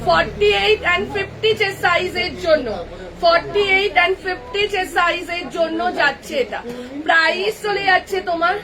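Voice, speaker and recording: A woman with a Kolkata Bengali accent, selling clothes on a live stream, brisk and chatty as she reels off sizes and prices. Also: extremely high pitch, fairly even intonation, crowd noise, low-quality recording. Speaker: online kurti seller. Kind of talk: live-stream sales pitch. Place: clothing shop.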